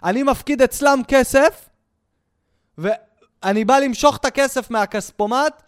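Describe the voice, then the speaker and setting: A young male comedian tears into his subject with crude, sarcastic outrage. His voice sits high and comes through smooth and clean. The sound is dry and close, with no room around it. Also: no room sound. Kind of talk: stand-up rant.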